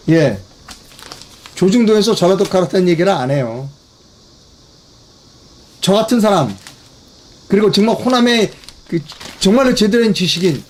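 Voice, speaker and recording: A man hosting a political commentary broadcast in Korean, talking emphatically, repeating key phrases and addressing his viewers directly. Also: high-pitched. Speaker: commentary channel host.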